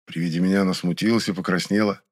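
A man reading a first-person audiobook in an even, matter-of-fact storytelling manner. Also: low voice, rapid-fire, no room sound, studio quality. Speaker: audiobook narrator.

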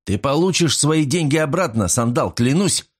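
A man's voice: a little high, expressive, normal speed, breathy edge, voice pushed up. A man voicing a panicking male card cheat who protests and begs in a raised, strained voice. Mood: desperate pleading. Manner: desperate, protesting.

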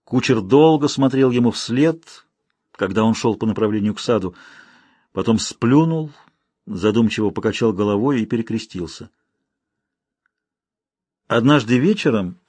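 A male audiobook narrator with a husky voice and a measured, steady delivery. The recording is dry and close, with no room sound. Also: medium pitch, no echo. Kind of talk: scripted narration.

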